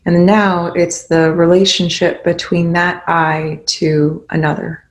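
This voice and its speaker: In gentle, instructive phrases broken up by pauses, a meditation guide takes listeners through a guided meditation. The mid-range voice shows little pitch movement.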